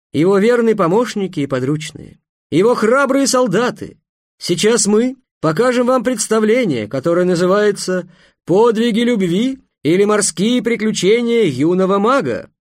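A man's voice: high-pitched, no room sound, clean studio sound, pitched above the performer's own voice. A man voicing a sweaty, pompous showman announcing a play with grand solemnity.

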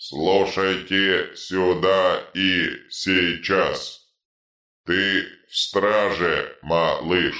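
A ponderous, proud troll guard. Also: male voice, deep voice, a bit bright, roomy sound, pitched below the performer's own voice, exaggerated voice. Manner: ponderous, halting speech. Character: proud dim-witted male troll watchman.

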